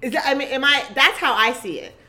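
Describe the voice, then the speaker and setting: Woman, bright tone, fairly high voice, animated and emphatic, casual conversation, frequent restarts. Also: quick pace. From Costa Rica.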